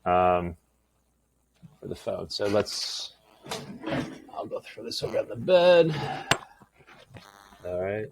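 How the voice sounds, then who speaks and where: This lowish, creaky male voice is very animated yet slow, with long pauses and a noisy background. Tired, he hosts a product demo video, rambling casually, muttering to himself as he works and goofily poking fun at himself.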